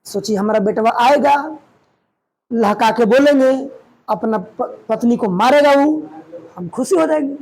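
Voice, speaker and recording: A man teaching a class, loudly quizzing students and retelling a story in dialect. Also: extremely high pitch, a little slow, long pauses, low-quality recording. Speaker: coaching centre teacher. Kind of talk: classroom Hindi lesson with quizzing. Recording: faint room noise and chatter.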